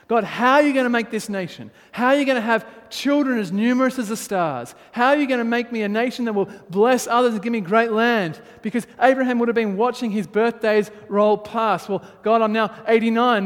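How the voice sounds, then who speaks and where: A man preaching a sermon as pastor, reading scripture aloud and then pressing his points with rising emphasis. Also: very high voice. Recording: long hall reverb.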